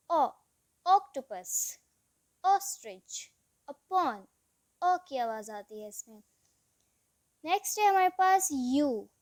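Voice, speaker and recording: In a patient, slow classroom explanation, a woman with a high voice spells out English words letter by letter and draws out their vowel sounds. The recording is studio quality with no echo.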